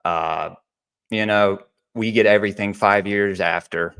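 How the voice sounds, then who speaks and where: A man talks in a low, smooth, resonant voice. He keeps things laid-back and loose, cursing often and throwing in plenty of "dude" and "bro" as he hosts a casual podcast chat. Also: steady tone, unhurried, fairly bright tone. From Mississippi, USA. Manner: laid-back, swears freely, peppers speech with "dude" and "bro". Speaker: podcast host.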